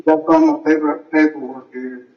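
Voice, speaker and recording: A man's voice: a little high, flat delivery, normal speed. An American man as a defendant, arguing off the cuff in an insistent, fumbling, colloquial way and repeating himself. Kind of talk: spontaneous argument in court. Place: courtroom. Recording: echoey, muffled, distant courtroom microphone.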